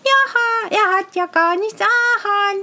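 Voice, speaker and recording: A woman voicing a small child who innocently blurts out the truth. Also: exaggerated voice. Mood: blurting. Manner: high, excited and quick.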